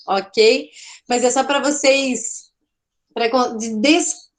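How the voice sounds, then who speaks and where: Woman, Brazilian Portuguese accent, art teacher, fairly high voice, chatty lecture, checks in often. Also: fairly even intonation, very slow. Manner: chatty, explanatory, frequent "tá?" checks, self-corrections. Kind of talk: online art class lecture.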